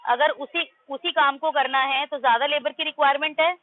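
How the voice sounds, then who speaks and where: Woman teacher, high voice, firm and quizzing, sounds like a phone line. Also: steady tone, moderate pace, dry recording. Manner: firm, correcting pupils' pronunciation. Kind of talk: online math class.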